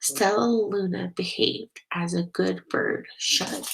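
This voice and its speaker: A woman reading a children's picture book aloud, expressive and slow, stopping to ask the listeners questions. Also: medium pitch, creaky, very noisy. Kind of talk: children's read-aloud narration.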